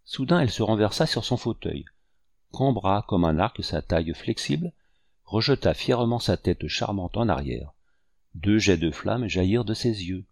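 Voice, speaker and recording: Un narrateur de livre audio au récit mesuré, voix râpeuse, son très sec. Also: male voice, fairly low pitch, expressive, creaky, no echo, clean studio sound. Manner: measured storytelling. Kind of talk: scripted narration.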